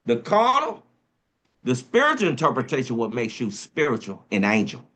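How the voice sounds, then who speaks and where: A man's voice: medium pitch, wildly swooping pitch, normal speed, fairly bright tone. A man leading a Bible study discussion, explaining verses emphatically and repeating his points, then telling the others to read on.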